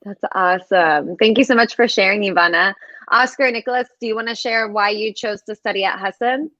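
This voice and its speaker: A woman's voice: medium pitch, a little fast, fairly bright tone, no room sound, lo-fi sound. A young woman hosting a live stream over a video call, upbeat and chatty with lots of fillers. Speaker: host of a student live stream.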